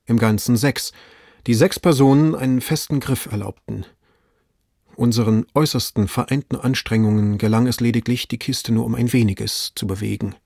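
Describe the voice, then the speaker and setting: Male storyteller for audiobook narration, measured delivery, raspy voice, dry recording. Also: mid-range voice, a little mellow, no echo. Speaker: audiobook reader. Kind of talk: scripted narration.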